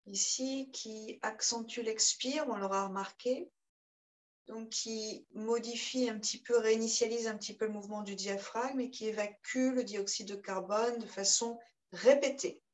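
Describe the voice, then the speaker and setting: A woman's voice: fairly high pitch, normal speed, rough recording. Woman guiding a yoga class. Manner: calm, guiding cues with rhythmic chanted breath sounds. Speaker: yoga teacher. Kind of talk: guided yoga class instruction.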